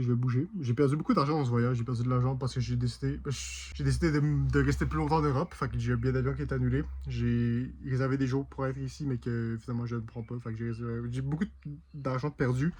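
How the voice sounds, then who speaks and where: A man's voice: mid-range voice, steady tone, quick pace, darkish tone, slightly rough. A young man with a Québécois French accent chatting casually in a travel vlog, rambling and full of slang fillers. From Quebec, Canada. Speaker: travel vlogger.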